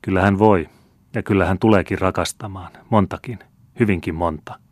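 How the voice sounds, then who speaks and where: Man voicing an old fortune-teller woman, teasing, blunt, very deep voice, dry studio audiobook. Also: fairly even intonation, dry recording. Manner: teasing, unhurried counting. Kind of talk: audiobook character reading. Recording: dry close studio sound.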